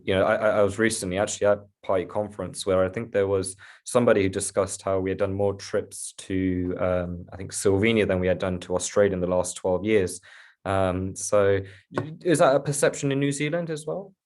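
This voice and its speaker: A man's voice: low-pitched, a little mellow. A man hosting a conversational interview, hesitant as he feels his way through his questions. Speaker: host, interviewer.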